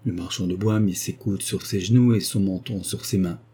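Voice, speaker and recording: A man narrating an audiobook novel in a measured storytelling manner. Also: low-pitched, fairly even intonation, warm tone, slightly rough.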